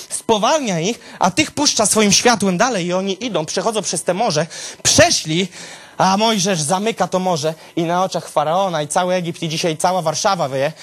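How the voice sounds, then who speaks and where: A man preaching in an animated storytelling style, talking straight to his listeners and swinging from low murmurs to high exclamations.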